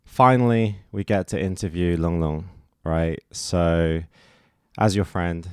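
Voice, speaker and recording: Male podcast host; very low voice, relaxed interviewer, dry close mic. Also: slow, clear, resonant tone, dry recording. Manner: relaxed, friendly, asks short probing questions. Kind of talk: casual interview.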